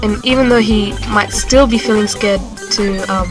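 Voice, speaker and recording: A woman's voice: mid-range voice, steady tone, moderate pace, over music. A young woman giving casual, conversational rebuttals in an informal book debate. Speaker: student debater.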